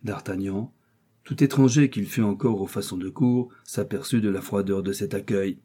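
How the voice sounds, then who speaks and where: A man narrating a classic novel as an audiobook in a calm, even storytelling manner. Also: fairly low pitch, moderate pace, breathy edge.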